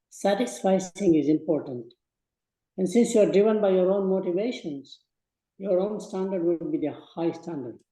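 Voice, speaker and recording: A man's voice: on the high side, warm tone. Man in his eighties in an echoey hall. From Burma. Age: 80s. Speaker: guest speaker. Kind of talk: speech to students.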